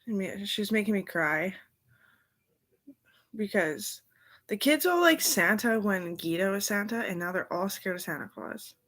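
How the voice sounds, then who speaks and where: A woman's voice: mid-range voice, lively intonation, unhurried, a bit bright. A woman in a rambling casual monologue, drifting between thoughts and sometimes trailing off into whispers. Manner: meandering, loose train of thought.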